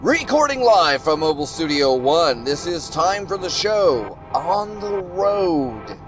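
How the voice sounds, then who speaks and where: An excitable, hammy doctor hosts a goofy road-trip comedy show , acted by a man. His voice sits on the high side and swoops around, over a music bed. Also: slow pace. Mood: playful showman. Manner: hammy, showman-like. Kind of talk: comedic show hosting and banter.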